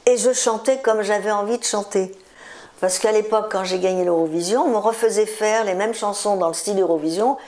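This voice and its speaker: A woman's voice: medium pitch, fairly quick, darkish tone. A woman in her seventies, a singer, telling stories in a chatty interview, repeating words for emphasis. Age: 70s. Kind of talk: relaxed interview storytelling.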